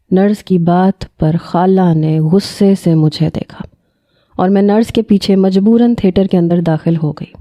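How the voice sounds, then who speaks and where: A woman storyteller reading a scripted first-person story in an emotional, measured way. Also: medium pitch, mellow.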